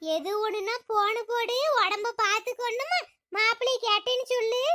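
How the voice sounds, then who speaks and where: High bright chatty village voice. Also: female voice, moderate pace. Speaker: voice of all cartoon characters. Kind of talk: village cartoon comedy voicing.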